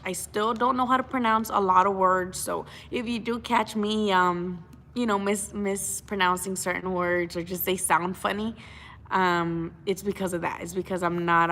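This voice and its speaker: A chatty young woman from Mexico, a native Spanish speaker, hosts a boxing channel in a casual livestream chat. Her fairly low, sharp-toned voice comes across frank, swearing freely and restarting often.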